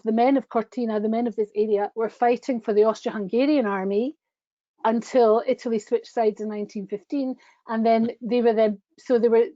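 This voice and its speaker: Over dull, lo-fi video call audio, a middle-aged woman presenting for a tour company talks through travel slides via webcam with gushing enthusiasm, chatting and restarting often. The voice is slightly high and warm, and the recording is dry.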